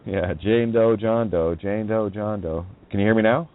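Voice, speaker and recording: A man's voice: on the low side, moderate pace, slight background noise. Preachy man on a breaking-up call line. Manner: intense, preachy, laughs at own points. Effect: call audio breaking up. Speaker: online radio host. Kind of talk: rambling call-in talk. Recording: tinny phone-line call audio.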